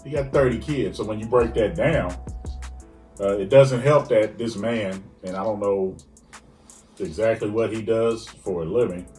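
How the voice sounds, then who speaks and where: A man's voice: fairly low pitch, measured pace, mellow, echoey room, far from the mic, faint music behind. A man co-hosting a podcast, ranting in casual chat with frequent stammered restarts. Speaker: podcast co-host.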